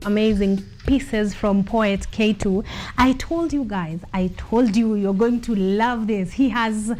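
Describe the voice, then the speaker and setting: A woman's voice: mid-range voice, slow pace, a little mellow, soft background music. A woman hosting a studio interview, upbeat and chatty, switching freely between English and Swahili. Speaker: show host. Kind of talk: casual interview chat.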